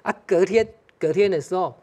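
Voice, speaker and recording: On a talk show, a studio guest with a Taiwanese accent tells a ghost story in a mid-range, slightly mellow voice. The delivery is fast and hesitant, with many restarts and Hokkien phrases mixed in.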